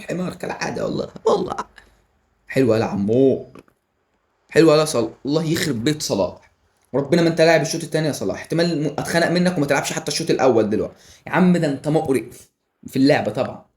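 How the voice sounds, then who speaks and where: Excitable Egyptian gamer, fast talk. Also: male voice, fairly high pitch. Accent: Egyptian Arabic. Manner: excitable, yelling at the players, joking asides. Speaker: gaming YouTuber. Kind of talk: live gameplay commentary.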